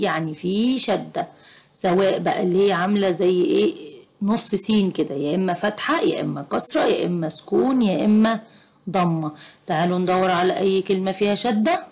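A woman with an Egyptian Arabic accent tutoring young children in Arabic grammar, slow, patient and encouraging. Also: mid-range voice, a little mellow. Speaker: private tutor. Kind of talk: teaching a children's Arabic lesson.

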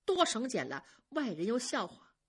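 Woman playing a shrewd household mistress, confiding, husky, lively. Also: on the high side, moderate pace, voice pushed up, full character voice.

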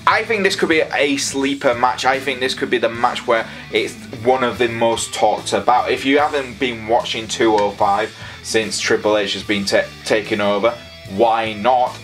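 Excitable guy rambling predictions. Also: mid-range voice. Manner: excitable, rambling, talks straight to viewers. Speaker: wrestling predictions host. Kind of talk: casual predictions vlog.

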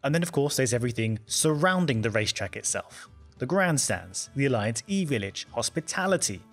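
A man reading a scripted documentary voice-over in a brisk, wry, emphatic way, with faint music behind. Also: medium pitch. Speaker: narrator.

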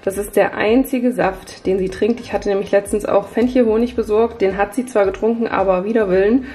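Speaking fairly quickly in a medium-pitched, dark voice with fairly even intonation, a family vlogger in her thirties shows off her family's groceries one by one. She keeps the chat casual and upbeat in her home kitchen at night.

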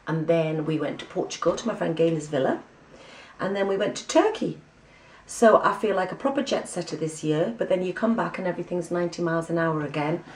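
A woman's voice: lowish voice, brisk, echoey room, distant mic, a little hiss or hum, low-quality recording. A woman with an English accent giving a breezy, chatty catch-up to camera, full of ums. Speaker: vlogger giving a personal catch-up. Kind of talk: casual chat to camera.

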